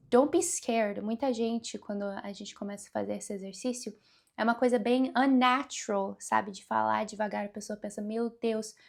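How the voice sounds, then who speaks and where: A young woman giving a casual English lesson, speaking slowly and deliberately and mixing English words into her speech. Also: a little high, darkish tone. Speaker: English teacher.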